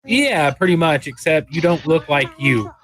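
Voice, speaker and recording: A man playing a tabletop game, describing things casually in a halting, explanatory way. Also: on the high side, animated, a bit bright.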